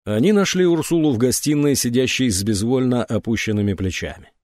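A man narrating an audiobook in an expressive, dramatic reading. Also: medium pitch, fairly quick, no echo. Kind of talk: scripted narration.

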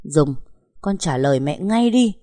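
A woman's voice: sits low, lively intonation, unhurried, dry recording, clean studio sound. Woman doing a fierce scolding mother. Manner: scolding, sharp, raised. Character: fierce protective middle-aged mother.

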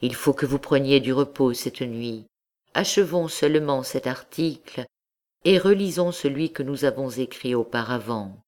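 Une femme faisant la voix d'une marquise condamnée qui se confesse, au phrasé formel et mesuré, dans un livre audio. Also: female voice, very deep voice, darkish tone. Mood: solemn. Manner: measured, formal old-fashioned speech. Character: condemned noblewoman confessing, devout and anxious.

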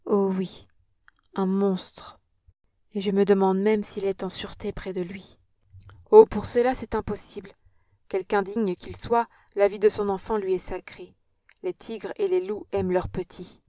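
A woman's voice: medium pitch, level tone, a little slow, dark tone, dry recording, clean studio sound, close to an everyday voice. A woman reading an audiobook and voicing an impassioned young Parisian woman with an earnest, dramatic manner.

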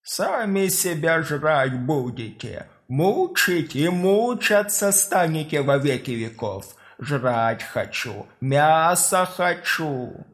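A man voicing a vengeful undead witch who crawls after her victim, speaking slowly and with menace. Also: on the high side, expressive, a bit bright. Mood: menacing. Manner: slow, drawn-out menacing.

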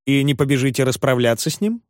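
A man playing a sly, gallant traveling salesman who speaks knowingly and soothes with flattery, his lines lively in pitch. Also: fast, dry recording, studio quality, lightly acted. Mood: teasing.

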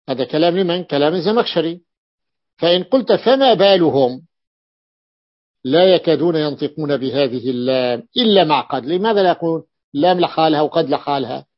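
A man teaching a grammar lesson, who repeats key phrases and asks and answers his own questions. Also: fairly high pitch. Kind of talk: classroom lesson explaining a text. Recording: dull lo-fi recording.

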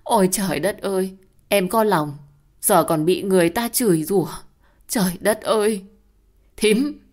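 A woman voicing a scheming young woman who wails and complains in a shrill, melodramatic way. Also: moderate pace, close to an everyday voice. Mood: wailing. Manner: wailing, shrill crying complaints.

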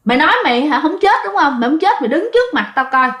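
A woman's voice: high voice, big pitch swings, rapid-fire, a bit bright, reverberant. A woman voicing a fearless aunt, blunt and challenging. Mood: defiant.

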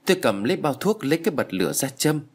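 A man's voice: medium pitch, very animated, fast talker. A man narrating a first-person story as an audiobook reader. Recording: faint background music.

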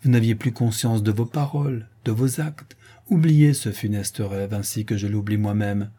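A man reading an audiobook and voicing a tender, forgiving young woman singer who speaks softly and slowly. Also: on the low side, breathy edge.

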